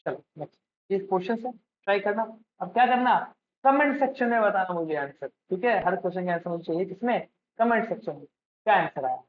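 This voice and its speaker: A man's voice: high voice, lively intonation, brisk. A male physics teacher giving a lecture as he writes out a problem, often asking a question and answering it himself, checking in with his students and calling them by a fond term. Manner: calls students "beta" affectionately. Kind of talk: classroom-style lecture while writing out a problem. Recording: dull lo-fi recording with faint noise.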